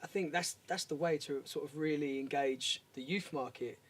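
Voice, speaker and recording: A man's voice: a little high, normal speed, a bit bright. A male host asking questions in a laid-back, casual manner. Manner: laid-back, says man and do you know what I mean. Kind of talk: casual interview.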